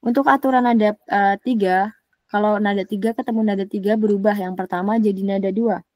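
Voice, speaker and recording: A woman tutoring a private Mandarin lesson, patiently modelling syllables slowly and repeating them. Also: medium pitch, fairly even intonation, a little mellow, dry recording. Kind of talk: private online language lesson.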